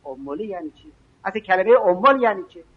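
A man giving an evening religious lecture, speaking slowly and emphatically and reciting scripture and verse. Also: high voice, lively intonation. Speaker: preacher. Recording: dull lo-fi recording.

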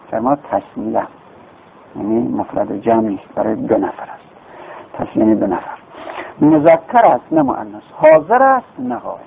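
A man whose voice is on the high side and creaky lectures on grammar in a classroom. Patient in his explanations, he repeats terms and asks and answers his own questions, recorded in lo-fi phone-like quality with a little hiss or hum.

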